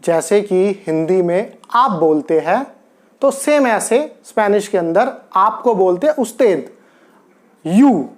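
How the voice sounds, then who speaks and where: A man leads a grammar lesson at an easy, unhurried pace. He works through each point step by step and repeats the key words so his learners can follow. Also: high voice, animated. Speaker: Spanish teacher.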